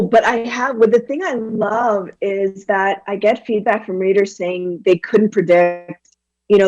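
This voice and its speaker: A woman from Guyana, a children's book author appearing as a guest, chats animatedly in a casual interview, full of fillers and restarts. Her medium-pitched voice has a darkish tone, recorded dry with lo-fi sound.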